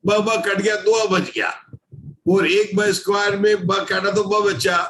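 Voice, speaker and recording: A man's voice: sits high, fairly even intonation, unhurried, a bit bright, reverberant, slight background noise, poor audio. A man teaching an online scripture class, patiently explaining formulas step by step and checking often that everyone follows.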